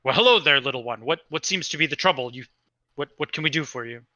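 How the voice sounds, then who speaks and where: Guy doing soft-spoken friendly monks in a tabletop game, bright dry sound. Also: medium pitch, fast, dry recording. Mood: welcoming. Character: group of kindly monks, calm and welcoming.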